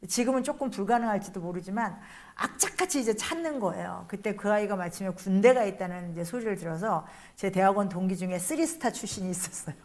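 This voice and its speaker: Nun telling a story in a lecture. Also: female voice, medium pitch, fast, hardly any pauses, darkish tone. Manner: colloquial storytelling, acts out the people she quotes. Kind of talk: spiritual lecture told as a personal story.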